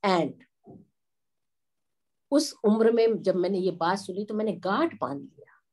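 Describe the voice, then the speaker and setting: A woman's voice: mid-range voice, measured pace, a little mellow. A middle-aged woman from India giving an earnest public speech at a women's day event, slipping English phrases into her talk.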